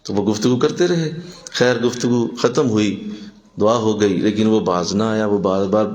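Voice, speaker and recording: A man giving a sermon, telling stories and driving his points home with sudden emphatic rises in voice. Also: reverberant. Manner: animated, rising to emphatic high bursts. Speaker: religious speaker.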